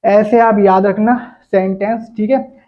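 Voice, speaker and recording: A man's voice: high voice, steady tone, a little slow. A young man from India giving a casual spoken English lesson, repeating a filler after nearly every phrase. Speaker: English teacher. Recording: dull lo-fi sound.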